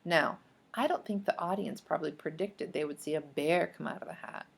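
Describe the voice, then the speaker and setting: With a low, gravelly, slightly rough voice and a brisk pace, a woman speech-language teacher runs a read-aloud lesson for children. She explains things supportively and prompts the kids with guiding questions.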